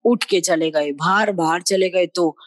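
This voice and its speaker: A middle-aged woman telling a personal devotional story in an animated way, switching between Hindi and English. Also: on the low side, unhurried, dry recording. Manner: lively storyteller mixing Hindi and English, acting out quoted speech. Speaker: devotee sharing a testimony.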